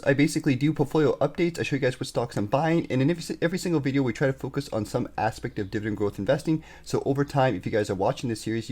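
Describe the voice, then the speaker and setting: A man's voice: medium pitch, darkish tone. A man hosting a casual investing update, a bit stuffed up from a head cold, talking upbeat and straight to his viewers with plenty of fillers. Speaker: investing channel host.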